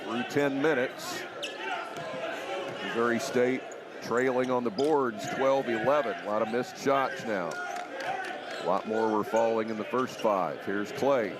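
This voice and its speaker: A man's voice: mid-range voice, measured pace. A man doing live basketball play-by-play as a sports commentator, calling the action in clipped short phrases. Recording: loud arena noise behind. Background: basketball arena ambience, bouncing ball.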